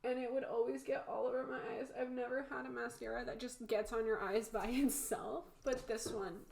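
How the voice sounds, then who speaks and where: Congested, high-voiced woman chatting casually. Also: steady tone, a little fast, gravelly, darkish tone, a little hiss or hum. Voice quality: congested, blocked-nose sound. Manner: informal, rambling, candid. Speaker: makeup vlogger. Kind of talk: casual chatty makeup tutorial. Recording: roomy echo.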